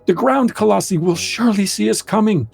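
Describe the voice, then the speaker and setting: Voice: mid-range voice, a little fast, vocal fry, darkish tone, husky, voice pushed up. Fantasy RPG guide creature, played by a man: timid, wary, anxious, formal old-world phrasing, music underneath. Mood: fearful.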